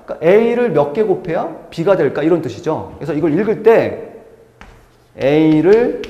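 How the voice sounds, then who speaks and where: A man's voice: fairly high pitch, mellow, slight background noise. A male math teacher lecturing a class, emphatic and repetitive, asking questions and answering them himself. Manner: emphatic, repeats key words, asks and answers own questions. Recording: echoey classroom with long reverb.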